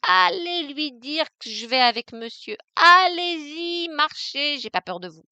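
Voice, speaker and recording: A woman's voice: high-pitched, expressive, brisk, sharp tone, dry recording, voice pushed up, full character voice. Woman voicing a brash, taunting young maid. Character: insolent, mocking young chambermaid.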